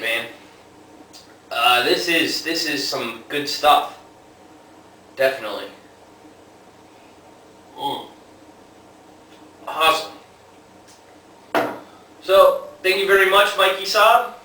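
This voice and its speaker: Slow bright-voiced man in an echoey room. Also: a little high, a little hiss or hum. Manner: relaxed, unhurried, lots of fillers. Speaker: homebrew reviewer. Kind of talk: casual tasting review. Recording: echoey room, mic at a distance.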